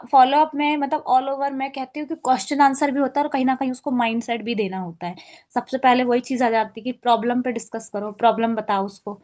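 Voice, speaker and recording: A woman's voice: high voice, a little mellow. A woman teaching an online training class on a video call, explaining step by step and acting out sample phone calls.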